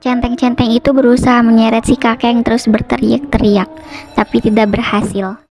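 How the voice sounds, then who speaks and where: A young woman narrating a folk legend in a steady storytelling manner for a school drama. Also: a little high, brisk, soft background music. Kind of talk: reading a folk legend aloud.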